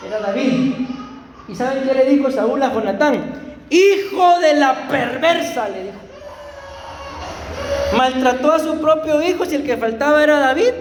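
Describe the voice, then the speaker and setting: High-voiced Costa Rican pastor preaching. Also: male voice, noisy background. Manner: storytelling, laughing, addressing congregation as beloved brothers. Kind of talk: sermon. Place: church hall. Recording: echoey church hall, faint ambience.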